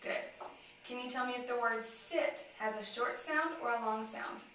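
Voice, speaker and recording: A woman working as a speech therapist, talking slowly and encouragingly to a child in exaggerated, simple phrases. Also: on the high side, a bit bright, slight background noise. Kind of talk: child-directed therapy demonstration. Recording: echoey room, mic far off.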